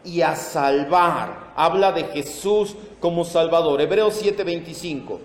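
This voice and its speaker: Slow, echoey male Bible teacher. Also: on the high side. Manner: slow, repeats terms, calls on listeners by name. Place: church meeting room with projector. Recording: echoey hall.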